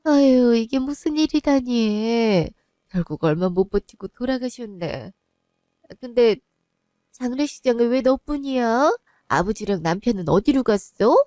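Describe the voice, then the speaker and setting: A woman voicing a fussy, sympathetic older woman relative who speaks slowly and in a drawn-out, clucking way in a one-voice audio drama. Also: a little high, expressive, dark tone, no echo, clean studio sound. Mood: fussing.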